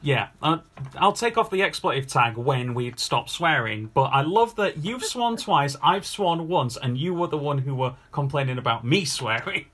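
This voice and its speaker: A man's voice: a little high, normal speed, a little hiss or hum. A man hosting a podcast in casual chat, running a quiz with jokes and teasing. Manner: jokey, teasing, lively.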